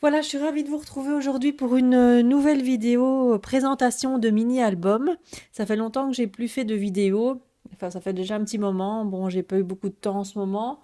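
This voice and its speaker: A woman's voice: fairly high pitch, fairly even intonation, fairly quick, dark tone. A woman hosting a casual craft presentation with a noticeable accent. She talks hesitantly, with many fillers and restarts. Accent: noticeable French accent. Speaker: craft video host.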